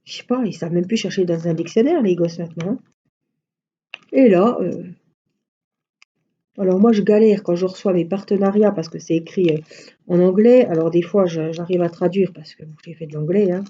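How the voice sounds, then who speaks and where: A middle-aged woman hosts a casual live stream in a very dark, soft-edged voice with a husky grain. She talks in a chatty, rambling way, moving through little anecdotes. The sound is dull and slightly muffled. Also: lowish voice, moderate pace. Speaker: craft live-stream host.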